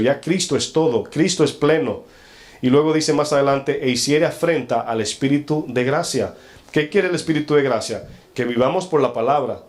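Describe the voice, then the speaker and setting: A male pastor giving a stern, confrontational sermon. He asks the congregation rhetorical questions and slows down when he reads scripture aloud. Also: medium pitch, a little mellow.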